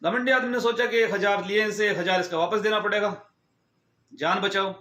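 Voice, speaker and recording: High-voiced man telling a moral story. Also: fairly even intonation, fairly quick, pushed and bright. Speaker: storyteller vlogger. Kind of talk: casual moral story narration. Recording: echoey room.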